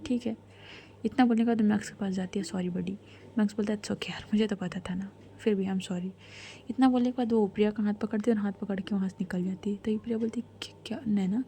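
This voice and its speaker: A woman's voice: mid-range voice, warm tone, slight background noise. A young woman telling a story in casual speech, chatty, with asides to the listeners, and speaking the quoted lines herself with little change of voice.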